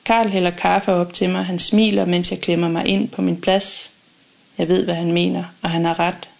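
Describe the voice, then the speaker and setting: A woman reading a first-person audiobook in a calm, measured, intimate way. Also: fairly low pitch, gravelly. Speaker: audiobook narrator.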